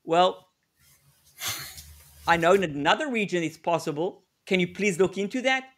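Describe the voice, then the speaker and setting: A middle-aged man from South Africa, working as a negotiation consultant, hosts a live webinar on a video call. His voice is high-pitched, expressive and a bit bright, moving at a moderate pace as he talks conversationally, repeats words while thinking and acts out sample dialogues.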